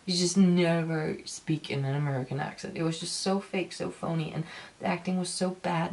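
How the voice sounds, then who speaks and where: Low-pitched creaky-voiced woman ranting casually. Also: poor audio. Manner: emphatic, repetitive, halting ranting. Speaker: film reviewer. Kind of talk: casual video review, talking to viewers.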